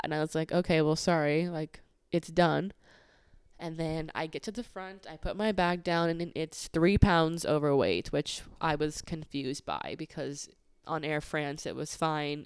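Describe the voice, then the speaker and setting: A woman's voice: low voice, clean tone, dry recording, studio quality. A woman hosting a podcast, telling a travel story in a casual, chatty way with lots of "like"s and an exasperated edge. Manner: chatty, many filler "like"s, exasperated retelling. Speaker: podcast host.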